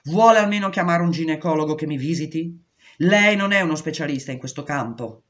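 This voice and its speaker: A woman's voice: low-pitched, lively intonation, fairly quick. A woman reading aloud, voicing a frightened pregnant young woman in prison who pleads urgently. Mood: pleading. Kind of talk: audiobook reading.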